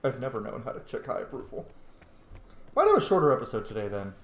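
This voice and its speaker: Talking quickly at a medium pitch that swoops wildly, a man hosts a let's play, musing aloud and muttering as he plays. Faint background noise and a roomy echo fill the recording.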